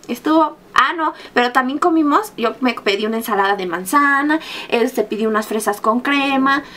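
Mexican woman, young adult, high-pitched, casual chatty vlog narration. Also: slight background noise. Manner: animated, acts out her own screams and quoted lines in a higher voice. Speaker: vlogger. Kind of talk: casual storytelling.

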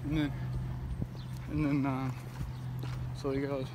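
A man's voice: medium pitch, completely flat delivery, slow pace, very noisy. A young man in a casual vlog, chatting on a phone in a moving car, rambling and joking with many restarts. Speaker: vlogger.

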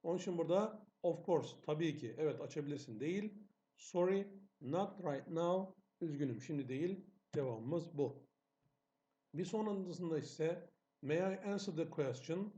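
A man's voice: fairly high pitch, animated, moderate pace, mellow, dull audio. A male English teacher patiently walking students through exam questions, asking and answering his own questions. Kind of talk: exam-prep lesson narration over slides.

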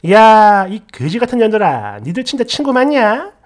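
A woman's voice: on the high side, big pitch swings, brisk, a little mellow. A woman voicing a furious, foul-mouthed online commenter who scolds and swears. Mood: scolding.

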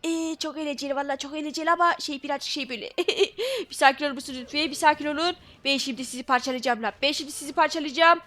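A woman's voice: high-pitched, rapid-fire, pushed and bright. A woman commentating her own gameplay as a channel host, exclaiming, laughing and repeating her phrases.

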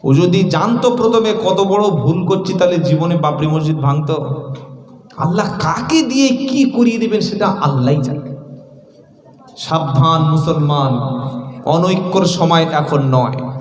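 A man's voice: high voice, lively intonation, normal speed, darkish tone, slight background noise. A man preaching a sermon, chanting in a sing-song way and calling out to the crowd. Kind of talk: Bengali waz sermon. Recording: echoey long reverb of a sermon hall.

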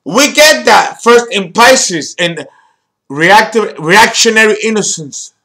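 Male astrology host, high pitched, playful and theatrical lecture delivery with jokey asides. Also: lively intonation, takes it slowly, sharp tone. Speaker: astrology teacher and channel host. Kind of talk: animated video lecture.

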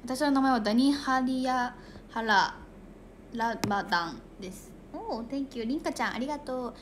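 A woman's voice: on the high side, animated, moderate pace, slight background noise. A young woman chatting casually on a livestream, reading viewer comments aloud. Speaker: idol livestreamer.

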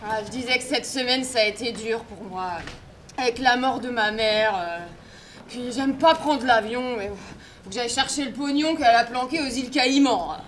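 An actress on a theatre stage playing a blunt, quick-tempered woman traveller with crude speech. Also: fairly high pitch, a bit bright, slight background noise, natural voice. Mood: brash. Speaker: amateur stage actor. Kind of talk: amateur stage play.

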